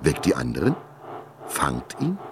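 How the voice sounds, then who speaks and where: A man's voice: lowish voice, animated, a little slow, gravelly, voice pushed up. A man voicing a cowardly, hot-tempered villain in a storybook reading, hissing and stammering. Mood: snarling. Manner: hissing through teeth, stammering when scared.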